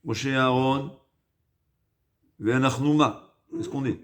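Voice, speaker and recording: A man with a foreign accent in French, not his native language, giving an informal Torah lesson, haltingly repeating and rephrasing and mixing in Hebrew quotations. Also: medium pitch. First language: not a native French speaker. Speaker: rabbi giving a religious lesson.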